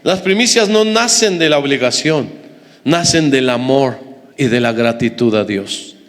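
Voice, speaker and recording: A man's voice: medium pitch, animated, moderate pace. A man preaching a sermon to his congregation, emphatic and repetitive, with joking asides. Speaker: pastor. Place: church hall with congregation. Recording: reverberant church hall.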